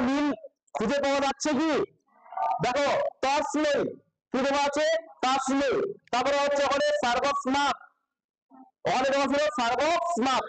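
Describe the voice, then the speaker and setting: High-voiced man teaching a class. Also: fairly bright tone, rough recording. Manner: keeps asking the class questions and repeating answers. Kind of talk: classroom Sanskrit grammar lesson.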